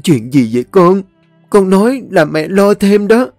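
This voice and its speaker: A man voicing an emotional older mother, pleading in a high, raised voice. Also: sing-song, measured pace, darkish tone, dry recording, soft background music, full character voice. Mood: anxious.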